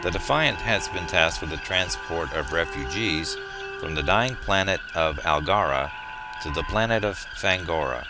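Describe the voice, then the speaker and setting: A man playing a calm, commanding starship captain in an audio drama, measured and authoritative. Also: low-pitched, over music. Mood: measured, official.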